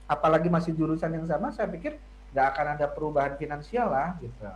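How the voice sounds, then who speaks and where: A man's voice: a little high, fast, slight background noise. Echoey-voiced man explaining family psychology. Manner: explanatory, acts out children's lines. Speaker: family psychology guest speaker. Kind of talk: radio talk show discussion.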